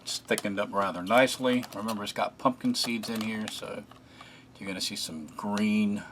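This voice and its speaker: A man casually narrating a food taste test, relaxed and chatty, often pausing with fillers as he eats. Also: on the low side, slight background noise. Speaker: food reviewer.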